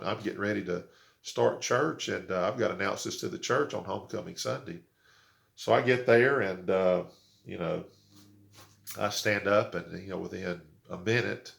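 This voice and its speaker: A man pastor telling a story in a halting devotional talk, with many fillers and repeated words. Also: low-pitched. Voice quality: gravelly.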